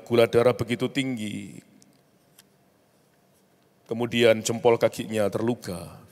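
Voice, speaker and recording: A man preaching, telling a personal story with emotional rises. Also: medium pitch. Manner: storytelling, rising into emotional outbursts. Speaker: pastor. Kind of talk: sermon testimony. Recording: long hall reverb.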